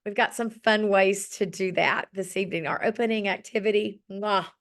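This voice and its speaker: A middle-aged woman runs a casual online journaling session on a video call, her mid-range voice fairly even and at normal speed. Still slightly scratchy from being ill, she chats encouragingly and says um a lot.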